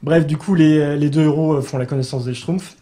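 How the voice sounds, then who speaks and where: A man's voice: fairly high pitch, steady tone, fairly quick, warm tone. A French man co-hosting a pop-culture podcast, explaining with many fillers and restarts. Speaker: podcast co-host. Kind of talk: casual chat.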